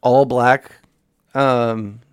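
A man's voice: mid-range voice, steady tone, extremely slow, smooth, no echo, clean studio sound. A man of thirty telling stories in a casual podcast chat, swearing freely and poking fun at himself. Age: 30s. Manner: profane, storytelling, self-mocking. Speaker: podcast co-host.

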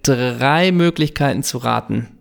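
A man co-hosting a podcast with a gravelly, creaky edge to his voice. He talks in relaxed, casual banter, teasing his co-host and tagging his sentences with quick little questions. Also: medium pitch. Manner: relaxed, chatty, teasing, with frequent tag questions.

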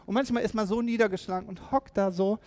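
Man, pastor, sermon to a congregation, animated, acts out scenes in voices, call and response, high voice. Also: quick pace. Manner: animated, acting out scenes and quoting people in voices.

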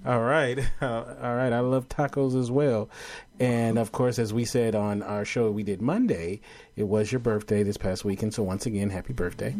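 A man from Los Angeles hosting an internet radio show, interviewing a guest in a relaxed, hesitant way with many fillers. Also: medium pitch, moderate pace. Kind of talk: casual interview.

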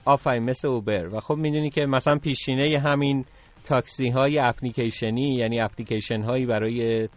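A man's voice: medium pitch, steady tone, dry recording. A man from Isfahan giving conversational, explanatory commentary as a technology contributor on a talk show, with some hesitation as he thinks. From Isfahan, Iran.

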